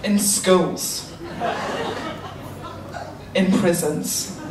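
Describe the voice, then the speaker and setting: A woman's voice: lowish voice, steady tone, extremely slow, distant mic, background noise. A young woman with a New Zealand accent performing a chatty, self-mocking stand-up comedy set on a theatre stage. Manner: chatty, self-mocking, bursts into loud shouting. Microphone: handheld mic. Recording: roomy theatre sound with crowd laughter. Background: audience laughing.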